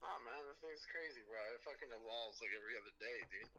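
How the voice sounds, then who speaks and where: A man's voice: medium pitch, quick pace, sharp tone, a little hiss or hum. A man talking over a phone on speakerphone, laid-back and swearing constantly in casual chat. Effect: heard over a phone on speakerphone. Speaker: caller.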